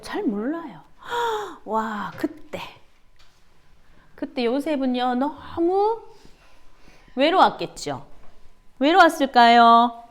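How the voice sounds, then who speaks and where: A woman's voice: high voice, very slow, pauses often. A woman giving a children's Sunday school sermon, asking the kids questions and gasping for effect. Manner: animated, asks children questions, gasps for effect.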